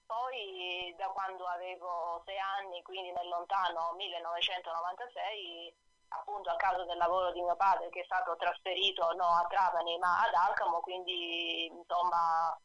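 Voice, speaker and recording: A woman author calling in to a radio interview over the phone, hesitant, with many fillers and soft laughs. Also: on the low side, level tone, moderate pace, dry recording. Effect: voice heard over the phone. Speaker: author guest on a radio show. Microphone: telephone. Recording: dull, dry phone line.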